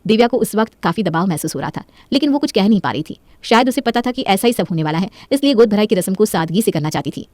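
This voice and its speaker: Brisk woman storyteller. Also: medium pitch, lively intonation, darkish tone, dry recording. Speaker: narrator. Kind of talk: storytelling narration.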